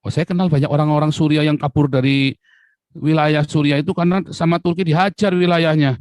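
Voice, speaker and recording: A man pours out an angry political rant, his slightly raised voice jumping from shouted outbursts to low, muttered asides. The sound is dry and close, with no room around it. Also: fairly even intonation, brisk, no room sound. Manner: heated, swings between loud outbursts and low muttering. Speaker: commentator.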